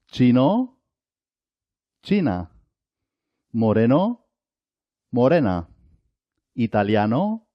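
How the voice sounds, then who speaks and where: A man teaching a Spanish lesson, drilling single words one at a time with long pauses between them. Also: mid-range voice, no room sound. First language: Arabic. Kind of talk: slow, deliberate language lesson. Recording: dull, lo-fi dry recording.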